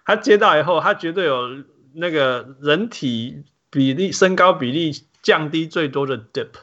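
A man hosting a casual podcast chat, switching freely between Mandarin and English in an animated way. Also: a little high, a little slow, lo-fi sound. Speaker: podcast host.

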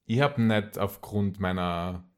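A man's voice: deep voice, slow, smooth. A man with an Austrian accent talking casually and personally as an interview guest, repeating phrases for emphasis.

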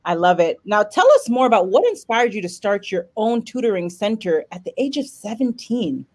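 A woman's voice: mid-range voice, very animated, moderate pace, a little mellow. A woman hosts an interview, introducing her guest with a prepared introduction. She asks questions in polished, formal phrasing. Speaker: interview host.

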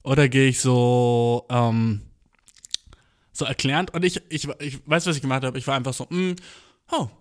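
A young man telling a comedic story in casual speech, slangy and animated, full of swearing and English slang. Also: moderate pace. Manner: slangy, animated, acts out quotes with big pitch jumps.

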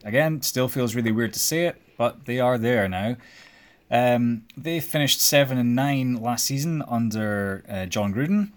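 A young man leading a relaxed sports conversation. He rambles along in a chatty way, stringing ideas together with ums and asides. His voice sits at an ordinary pitch. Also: a little slow. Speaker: podcast host. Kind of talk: casual sports chat.

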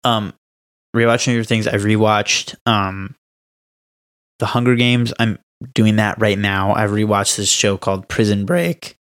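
A man's voice: lowish voice, level tone, a little slow, a bit bright. A young man co-hosting a casual podcast at home, rambling with lots of "like" and restarts. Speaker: podcast co-host. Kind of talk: casual chat.

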